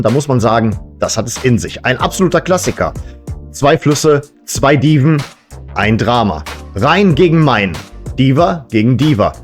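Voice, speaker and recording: A man with a mid-range voice, from a Serbian family background, hosts a football fan entertainment show. He delivers a casual satirical monologue to camera, full of tongue-in-cheek joking asides, with music clearly audible behind him.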